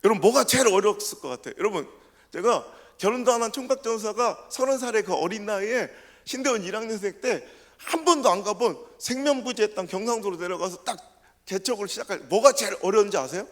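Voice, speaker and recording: Fast-talking and high-pitched with lively intonation, this man preaches a revival sermon in a church sanctuary. He's a pastor from South Korea with a Chungcheong accent, telling his testimony humorously and mimicking dialects, and the room is reverberant.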